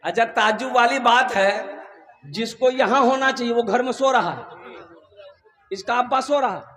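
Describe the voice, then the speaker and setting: A man delivers a sermon to a large crowd in a very high, piercing voice. He moves between sing-song chanting and loud, emphatic exhortation, repeating his lines for effect. His voice rings out through an echoing public-address system. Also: normal speed. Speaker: preacher.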